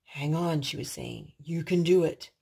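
Creaky, mellow, and slightly rough, this woman's low voice moves a little slowly as she reads a story to young children at home. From the living room, the parent sings with the kids, asks them questions, and keeps her instruction simple and sing-song.

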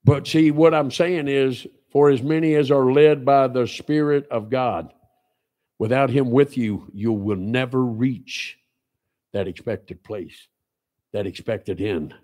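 A pastor in his sixties preaching a sermon in a small church, stressing repeated phrases and swinging between loud and low. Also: slow. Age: 60s. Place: small church sanctuary, indoors.

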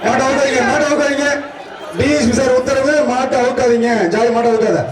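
Tamil nadu guy yelling through a loudspeaker, way up high, far off with a roaring crowd and loud noise. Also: fairly even intonation, quick pace. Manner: repeats exclamations and barks commands at the crowd and handlers. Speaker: announcer at a bull-taming event. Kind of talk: live shouted commentary. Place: outdoor arena. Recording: echoey open-air arena, heard from far off, loud crowd and noise.

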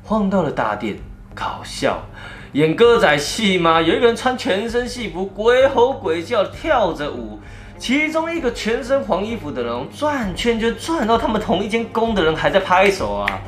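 A man with a Taiwanese Mandarin accent telling a first-person ghost story in an animated way, acting out the scenes. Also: sits high, moderate pace, faint music behind.

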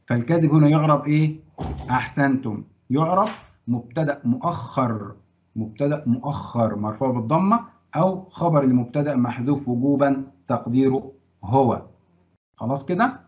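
A man with an Egyptian accent teaching a grammar lesson, quizzing his students and praising their answers. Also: mid-range voice. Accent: Egyptian Arabic. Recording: tinny phone-like sound.

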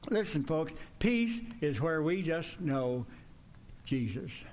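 A man's voice: very animated, takes it slowly, darkish tone. An older man preaching a folksy, conversational sermon in a church sanctuary, his voice climbing when he presses a point. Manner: folksy, conversational, pitch swings up when emphatic. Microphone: stand mic at pulpit.

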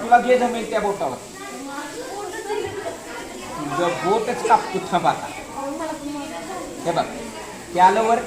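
A male school teacher patiently demonstrating a craft to his class, repeating each step and calling the pupils to watch. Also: sits high. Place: echoey classroom. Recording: roomy classroom echo.

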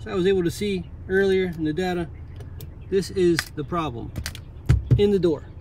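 This is a thirtysomething auto technician recording a casual, step-by-step repair explanation on a phone held near him inside a parked car. His voice sits high, his pace is moderate, and background noise can be heard.

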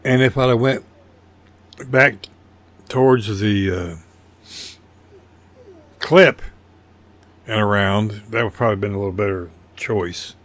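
A man's voice: lowish voice, slow, long pauses, fairly bright tone. An older man casually narrating his model car build over photos, rambling and folksy with a self-deprecating humor.

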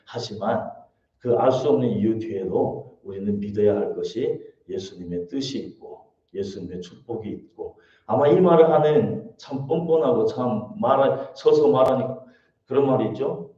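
A man preaching a dawn-service sermon, who acts out quoted lines in lively voices and drops soft and low at times. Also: moderate pace. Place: church sanctuary. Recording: distant echoey church room, muffled.

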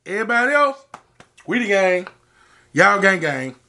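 A man, hosting an eating show and telling stories to his viewers in a loose, animated way, calling out to them and hyping himself up. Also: high-pitched, normal speed, slight background noise. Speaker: mukbang host. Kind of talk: casual storytelling to camera while eating.

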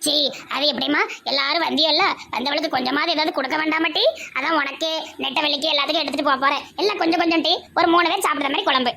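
Fast, gravelly cartoon village aunt played by a woman. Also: high voice, fairly even intonation, bright, forceful tone, slight background noise, exaggerated voice. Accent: Tirunelveli Tamil. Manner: gossipy, fast chatter. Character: chatty middle-aged village aunt, generous.

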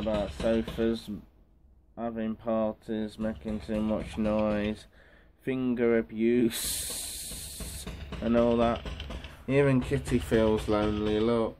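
Strolling outdoors among gardens and allotments, a young adult man films himself on a phone held at arm's length and chats in an easygoing, wandering way. His voice is fairly low and a little mellow.

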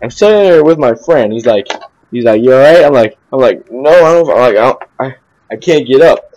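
A man's voice: medium pitch, expressive, fairly quick, darkish tone, dull audio. A young man telling a rambling story in casual chat, repeating "I'm like" and laughing at himself. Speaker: podcast co-host.

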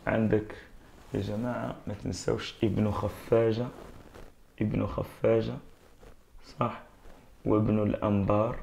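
A man with an Algerian Arabic accent, a teacher giving an exam revision lesson, dictating answers slowly and often checking that students follow. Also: lowish voice, vocal fry, a little mellow. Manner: slow, drawn-out dictation of answers, frequent checks of understanding.

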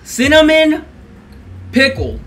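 A man's voice: extremely high pitch, huge pitch swings, slow, crowd noise. A man vlogging a food challenge in casual, slang-heavy talk, swearing often. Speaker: vlogger trying food combos. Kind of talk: casual chat. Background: goofy background music.

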